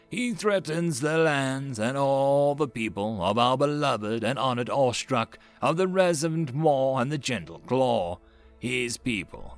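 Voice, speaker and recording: A man voicing a regal elven queen who calls her subjects to war in a grand, declaiming speech with drawn-out words. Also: mid-range voice.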